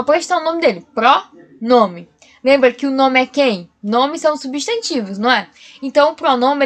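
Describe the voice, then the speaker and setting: A woman with a high voice teaches a recorded grammar lesson. She explains patiently, one point at a time, and keeps checking in with her class. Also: fairly bright tone.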